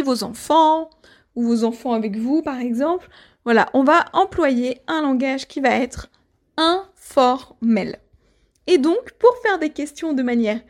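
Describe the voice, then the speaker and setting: French teacher lady, high voice, talks real slow and patient, keeps asking ok?. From France. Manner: patient, repeats words, checks with "ok?". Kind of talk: slow explanatory lesson.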